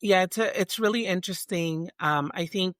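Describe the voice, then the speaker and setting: A woman's voice: fairly low pitch, normal speed, no echo, clean studio sound. A middle-aged woman from Tonga, a guest in a casual interview, talking reflectively with many restarts and fillers.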